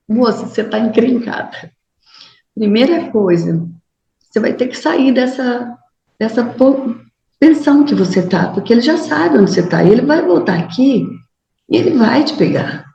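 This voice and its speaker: A woman from Brazil giving a talk at a club meeting, telling a personal story and acting out the dialogue in a raised, animated voice. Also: fairly high pitch, vocal fry, reverberant, dull audio. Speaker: guest speaker. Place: meeting room.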